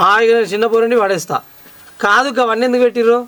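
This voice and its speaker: A man's voice: extremely high pitch, steady tone, rapid-fire, fairly bright tone, a little hiss or hum. A young man with a Telangana accent acting as a village son about to leave home, teasing his family in a comedy skit. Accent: Telangana Telugu. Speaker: son leaving for abroad. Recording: music playing behind the voice.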